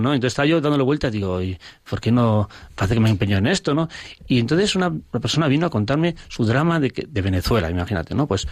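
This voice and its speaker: A parish priest telling stories in an interview, earnest and full of pauses, acting out the people he quotes. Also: medium pitch, no room sound, clean studio sound. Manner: earnest, pauses often, acts out dialogue with rising voice. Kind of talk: reflective storytelling in an interview.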